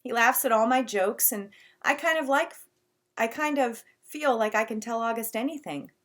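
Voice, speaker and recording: Woman reader doing a chill first-person kid story, voice sits a bit high. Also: normal speed, fairly bright tone. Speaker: audiobook reader.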